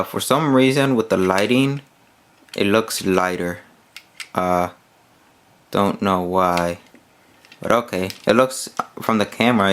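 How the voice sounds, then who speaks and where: A man's voice: low-pitched, fairly bright tone, slight background noise. A man giving a casual, hands-on toy review, rambling with many fillers while he demonstrates the pieces.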